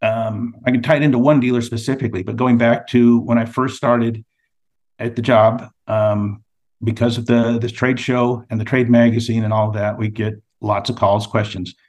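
A man speaks as a guest in a casual podcast interview. His voice is mid-pitched. He tells anecdotes at length, like a storyteller. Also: flat delivery, normal speed, darkish tone. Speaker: magazine editor, guest.

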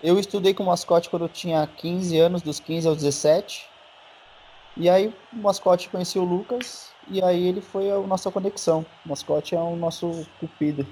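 A Brazilian-accented man speaks as a podcast guest in a slightly high voice, with faint noise behind him. He rambles through his answers and trips over his words. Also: fairly even intonation, normal speed, dark tone. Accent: Brazilian Portuguese. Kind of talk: casual podcast chat.

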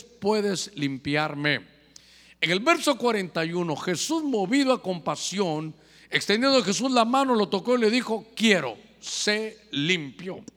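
Male pastor, high voice, fervent sermon delivery, long hall reverb. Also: a bit bright. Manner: fervent preaching, often addressing "hermano".

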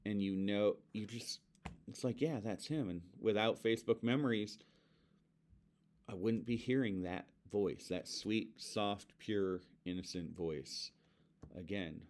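A man's voice: fairly low pitch, fairly even intonation, slow. A man co-hosting a podcast, a bereaved father talking earnestly and reflectively about grief. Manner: earnest, reflective, speaks softly of his son.

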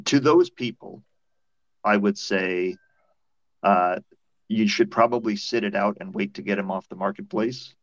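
A man's voice: fairly low pitch, unhurried, pauses often, dry recording. A man on a video call in a casual podcast debate, explaining his points step by step. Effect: heard over a video call. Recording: dull, dry video call audio.

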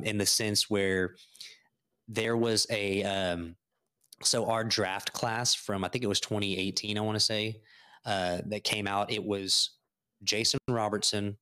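Casual male podcast guest from Texas, low-pitched, rambles through fillers and restarts about hockey. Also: sharp tone, smooth. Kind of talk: casual sports chat.

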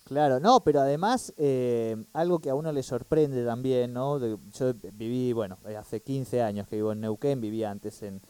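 A man's voice: medium pitch, moderate pace, few pauses, mellow, clear, resonant tone, no room sound. A man hosting a radio talk, agreeable and chatty, often saying "claro". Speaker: radio host. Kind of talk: radio conversation.

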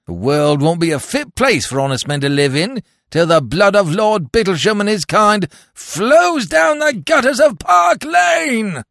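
A man voicing a young male soapbox agitator who gives a rousing speech and builds to a shout. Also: medium pitch, big pitch swings, a little slow, few pauses, no echo, clean studio sound, pitched below the performer's own voice.

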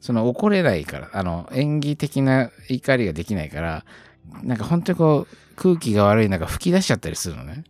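A man's voice: medium pitch, sing-song, fairly quick, darkish tone. A man co-hosting a podcast, chatting casually and thinking aloud with lots of fillers. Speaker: podcast co-host. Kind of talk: casual chat.

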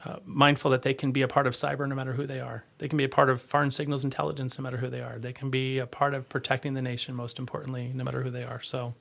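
A man giving a conversational podcast interview as an agency leader, earnest and halting, often rephrasing as he goes. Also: medium pitch, little pitch movement, gravelly, a bit bright.

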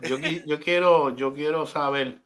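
A man with a Puerto Rican accent, co-hosting a podcast in casual chat, loud, profane and mocking. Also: on the high side, fairly even intonation, measured pace. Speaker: podcast co-host.

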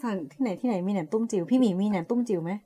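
A woman co-hosting a casual late-night live podcast chat, playful and teasing, quick to joke. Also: medium pitch, warm tone, slightly rough. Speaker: podcast co-host.

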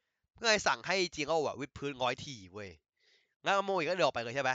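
A man excitedly retelling an anime episode in casual chat, laughing often and using crude slang. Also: medium pitch, brisk, dry recording, highs cut off. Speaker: anime recap host.

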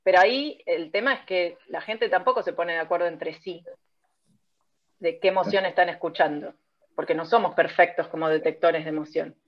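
Speaking at a moderate pace in a lowish voice, a Rioplatense Spanish-accented woman explains speech technology research, her own field, in an interview. Her manner is patient, moving step by step with examples, and the recording has a dull lo-fi quality.

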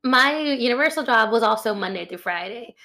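A young woman chatting as a guest in an interview, telling a lively story, says "like" often and acts out what others said. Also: fairly high pitch, fairly quick. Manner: animated, acts out quoted voices. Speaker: guest, costume pattern maker.

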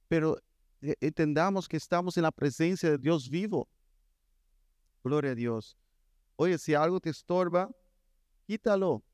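A man's voice: medium pitch, a little mellow, no echo, clean studio sound. A man preaching a sermon, urging his congregation with repeated calls and refrains. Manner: exhorting, repetitive calls to the congregation. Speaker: pastor.

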